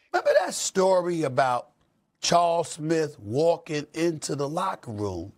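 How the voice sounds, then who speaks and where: A man holds forth on a sports debate show, his voice pitched a little high. It leaps all over the place, going quiet and emotional one moment and loud and preachy the next. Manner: impassioned, preachy, swings from soft to shouting.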